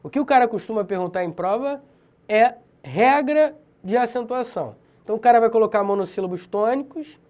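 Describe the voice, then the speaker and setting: A man's voice: high voice, a little mellow. A man with a Brazilian accent giving a casual exam-prep lesson, slangy and emphatic, often checking in with the viewer. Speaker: Portuguese teacher for civil-service exams.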